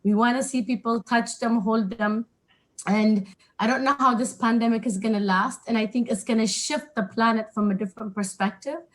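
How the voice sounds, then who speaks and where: A woman from Ethiopia speaking as a webinar panelist, earnest and reflective, a little halting. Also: a little high, low-quality recording. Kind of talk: spoken remarks on a webinar. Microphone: video call.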